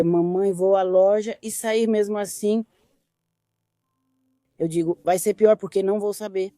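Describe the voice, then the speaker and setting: A mother recounting her family's story in a quiet, intimate documentary testimony. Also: medium pitch, no echo, studio quality. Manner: quiet, intimate retelling with quoted dialogue. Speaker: grieving mother interviewed.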